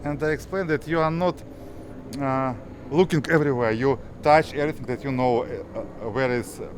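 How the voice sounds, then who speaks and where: A man with a Russian accent, a native Russian speaker and driving instructor, chatting casually in halting English. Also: mid-range voice. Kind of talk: casual chat. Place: inside a car, later outdoors. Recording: noisy car and outdoor street.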